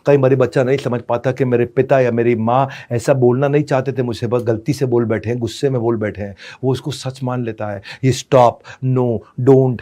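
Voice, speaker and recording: A man giving a motivational parenting lecture as a business consultant. He talks dramatically, swinging between loud, scolding bursts and soft asides, and drops terms his talk. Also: mid-range voice, fairly even intonation, normal speed, few pauses.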